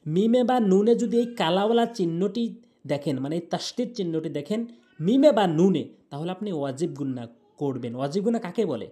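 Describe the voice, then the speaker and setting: A man teaching Quran pronunciation, spelling out each letter and vowel, then chanting the verse slowly with long drawn-out notes. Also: sits high, lively intonation, mellow.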